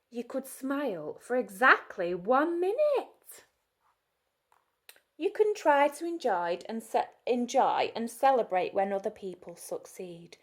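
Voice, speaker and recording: A woman, leading a gentle storytime lesson for young children, coaxing and asking them questions, sometimes dropping to a soft whisper. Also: fairly high pitch. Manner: sing-song, coaxing, asks children questions; drops to soft whispers at times.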